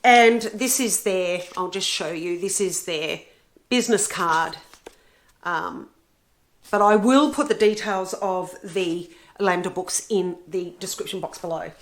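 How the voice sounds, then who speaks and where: A woman's voice: on the low side, unhurried. A woman from Australia hosting a book channel, talking enthusiastically about books she has read and bought, rambling with frequent ums and self-corrections. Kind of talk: casual book review chat.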